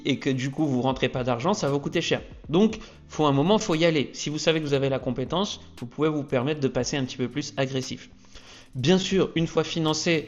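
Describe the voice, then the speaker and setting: A man talking casually to camera about trading, energetic and checking in with "ok?" often. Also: mid-range voice, dull audio. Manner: energetic, peppers lines with "ok?". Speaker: trading youtuber. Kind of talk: casual explainer talk to camera.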